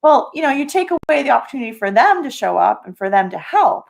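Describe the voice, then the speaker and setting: A woman's voice: high-pitched, sing-song, fast talker, vocal fry. Woman, middle-aged, podcast co-host, coaching tone, reflective, self-deprecating. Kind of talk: casual podcast conversation.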